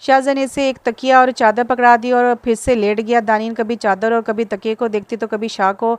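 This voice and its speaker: A woman narrates a romance novel aloud in a steady, even manner, now and then stumbling and restarting a word. Her voice sits fairly high and stays level, smooth and clear. It is recorded close and dry, with no room sound. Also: moderate pace, dry recording. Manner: steady, even reading with small slips.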